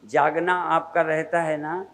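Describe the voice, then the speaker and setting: An older man, a spiritual teacher, preaching a sermon in a measured, repetitive cadence. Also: a little high, flat delivery, vocal fry, a bit bright, rough recording.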